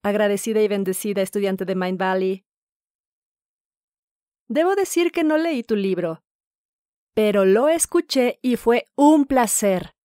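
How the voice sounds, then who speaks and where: A woman's voice: medium pitch, lively intonation, measured pace, long pauses, mellow, no room sound, clean studio sound. A woman in her thirties from the Dominican Republic, a grateful audience member asking a question on a live video call. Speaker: audience caller.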